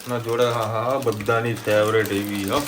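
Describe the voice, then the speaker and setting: A man's voice: lowish voice, level tone, moderate pace. A man chatting casually in a family vlog from his home kitchen, in a reassuring way. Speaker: vlogger. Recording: echoey room, noisy background.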